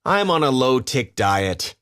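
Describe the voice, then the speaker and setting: A man voicing a bossy, vain, excitable cartoon lemur king with an imperious, theatrical manner. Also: medium pitch, a little slow.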